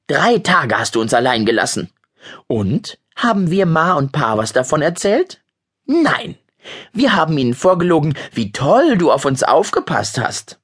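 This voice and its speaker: A man voicing an eager, pushy young boy who bursts out in breathless, high-pitched lines. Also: big pitch swings, measured pace, fairly bright tone, breathy edge, heavily acted. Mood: pleading.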